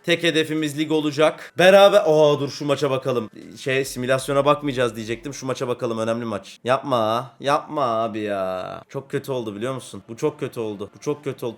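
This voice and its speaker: A young man giving casual gameplay commentary, excitable and swinging between grumbling and cheering. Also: mid-range voice. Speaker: gaming YouTuber.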